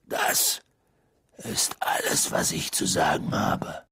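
A man's voice: low voice, wildly swooping pitch, takes it slowly, bright, forceful tone, no echo, in a whisper, clean studio sound, heavily acted. A man reading an audiobook, voicing a huge, hot-tempered male gamekeeper who talks bluntly. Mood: low, grim. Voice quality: gravelly, raspy. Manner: blunt, growling.

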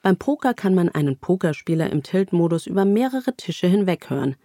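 A woman reading nonfiction narration aloud in a calm, even, measured way. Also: lowish voice, dry recording, clean studio sound. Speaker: audiobook narrator.

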